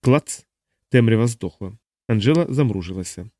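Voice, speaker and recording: A man narrating an audiobook in an even, measured storytelling voice. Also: lowish voice, dry recording.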